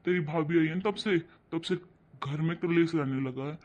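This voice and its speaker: A man voicing a kindly, gentle uncle in a cartoon, slow and reassuring. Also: a little high, dull audio, close to an everyday voice. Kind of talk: cartoon voice acting.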